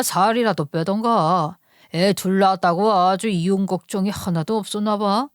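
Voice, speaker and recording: A woman's voice: medium pitch, no room sound, studio quality, natural voice. A woman voicing a middle-aged cheating husband who sneers and blames his wife. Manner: sneering, contemptuous.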